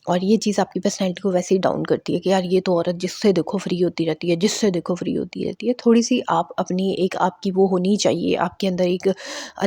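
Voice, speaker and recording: A woman's voice: on the low side, mellow, breathy edge, no echo, clean studio sound. A woman vlogger giving casual advice to camera, chatty and repetitive, dropping in English words. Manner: chatty, repeats herself, mixes in English words.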